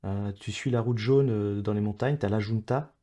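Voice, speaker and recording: A man's voice: fairly low pitch, normal speed, mellow. A man with a French accent talking casually with his teammate while playing a geography game, hesitant and full of fillers. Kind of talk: casual gaming chat.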